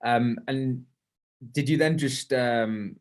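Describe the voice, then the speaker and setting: A man's voice: mid-range voice, slow pace. A man hosting a casual interview, asking his questions hesitantly as he pieces them together. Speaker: podcast host.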